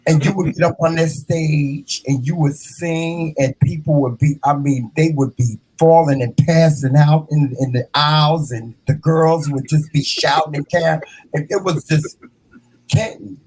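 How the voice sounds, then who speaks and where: A man in his fifties hosting a casual interview, animated and playful, calling his guest "child" and "honey". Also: a little high, measured pace, slight background noise, low-quality recording. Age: 50s. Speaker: host.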